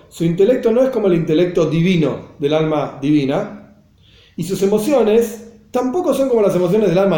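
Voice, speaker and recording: Male teacher, high mellow voice, patient explainer, echoey room. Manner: explanatory, repeats phrases, mixes in Hebrew and Yiddish terms. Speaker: Torah teacher.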